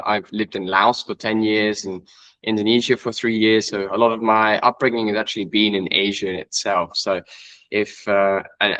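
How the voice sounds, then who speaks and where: Young man with a bright, forceful voice. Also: on the low side, rough recording. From Iceland. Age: 20s. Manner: relaxed, rambling with many fillers and self-corrections. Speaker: guest, trail runner. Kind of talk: casual interview chat.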